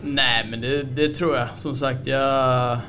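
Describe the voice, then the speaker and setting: Swedish male athlete, casual interview, flat mid-range delivery, faint noise behind. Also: mid-range voice. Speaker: ice hockey player being interviewed.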